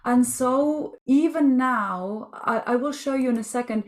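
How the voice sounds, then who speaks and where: A woman's voice: high-pitched, unhurried. A woman from Switzerland, a community co-founder, enthusiastically presenting her home and garden on a video call.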